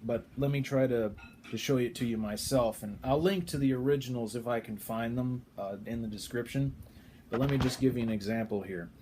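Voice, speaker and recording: A man's voice: medium pitch, fairly quick, mellow, a little hiss or hum. Chatty young man explaining to camera. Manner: chatty, hesitant, frequent um and restarts. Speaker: video creator.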